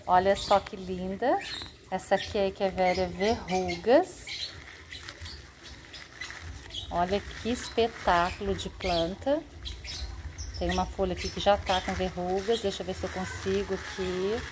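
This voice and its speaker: Woman, unhurried, effusive, casual plant vlog, phone held in one hand, faint background noise. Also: medium pitch, fairly even intonation. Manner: gushing, effusive over each plant. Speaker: gardening vlogger. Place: home, neighbors heard. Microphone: handheld phone, recording one-handed.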